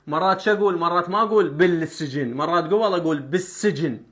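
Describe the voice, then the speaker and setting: Iraqi man, young adult, poetry teacher, slow syllable-by-syllable recitation, bright tone. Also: sits high. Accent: Iraqi Arabic. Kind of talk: spoken lesson on poetic meter.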